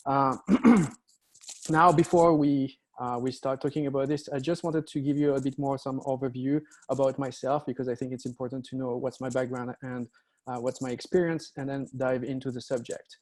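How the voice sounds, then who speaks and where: A middle-aged man from France with a French accent, giving a webinar lecture over a computer mic and pausing often with "uh". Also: mid-range voice, little pitch movement. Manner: hesitant, many "uh" fillers. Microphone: computer mic on a video call.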